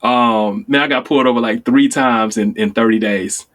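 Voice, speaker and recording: A man in his forties from Chicago, telling stories in casual conversation, acting out quoted lines with sudden jumps in pitch. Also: moderate pace, slight background noise. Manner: animated storyteller, acts out quotes with sudden high pitch jumps. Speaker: guest.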